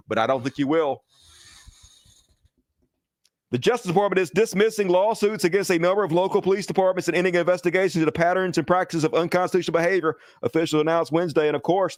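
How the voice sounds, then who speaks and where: A man's voice: sits high, no echo, studio quality. A man hosting heated political commentary, ranting with profanity and calling his viewers "folks".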